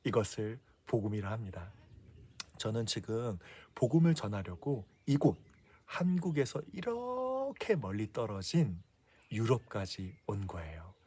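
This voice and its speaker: A man's voice: on the low side, very animated, measured pace, mellow, slightly rough. A man preaching a children's sermon, asking the kids questions and having them repeat words.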